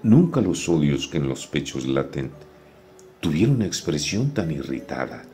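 Very deep, slow male poetry reciter. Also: big pitch swings, mellow, soft background music. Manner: declamatory, theatrical.

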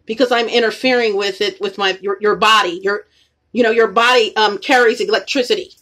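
A woman in her apartment speaks directly to her viewers with a phone camera pointed at the ceiling, rambling casually and repeating herself. Her voice is medium-pitched, steady and fairly bright, and she talks fairly quickly.

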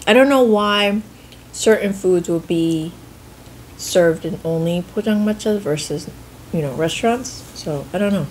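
Woman host from the States, slightly low voice, meandering and hedging, casual table chat, faint background noise. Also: unhurried. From United States. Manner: rambling, self-correcting, hedges often. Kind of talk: casual chat over a meal.

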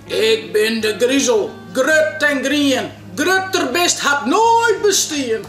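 A woman voicing a gruff, menacing big green monster in a children's storybook, speaking slowly in a lowered voice. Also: sing-song, fairly bright tone, roomy sound, faint music behind, exaggerated voice.

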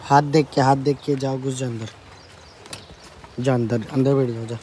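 A man's voice: medium pitch, fairly even intonation, moderate pace, warm tone. Man, father, casual family vlog, soothing and coaxing a sick child, noisy background.

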